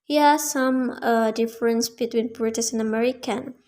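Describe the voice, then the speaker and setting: A young woman with a fairly high voice reads her class presentation aloud. She is careful and measured, making small slips now and then. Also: steady tone, darkish tone. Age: young adult. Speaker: student presenter. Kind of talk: reading a prepared presentation.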